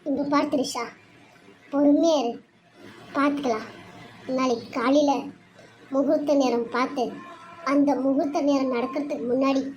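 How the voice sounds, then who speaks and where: A woman's voice: high-pitched, fairly even intonation, moderate pace, long pauses, darkish tone, a little hiss or hum, lightly acted, rough recording. A woman voicing a harsh, scheming middle-aged mother in a cartoon serial, stern and commanding. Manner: stern, commanding, coldly plotting. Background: music.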